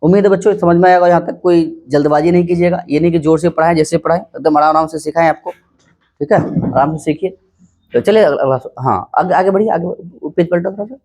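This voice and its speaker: A man teaching a maths lesson in a calm, unhurried way, often asking questions and answering them himself. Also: on the high side. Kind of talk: casual classroom maths lesson.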